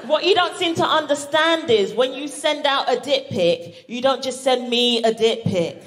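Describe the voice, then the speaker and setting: On stage at a live comedy venue, a woman from Barbados with a British accent delivers an animated stand-up routine full of exclamations and swearing, acting out reactions. Her voice sits high and her pace is moderate, with audience laughter and room ambience behind her.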